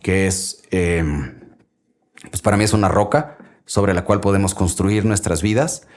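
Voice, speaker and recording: A man's voice: sits low, fairly even intonation, a little slow, a little mellow. A man with a Mexican Spanish accent gives faith-based parenting advice on a podcast, speaking earnestly and conversationally and sometimes acting out quoted lines. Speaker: podcast host, father giving parenting advice.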